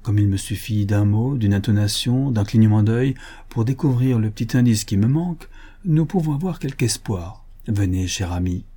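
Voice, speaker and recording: A man voicing a calm, shrewd gentleman detective in an audiobook, reasoning in a measured, deliberate way. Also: fairly low pitch, husky. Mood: thoughtful.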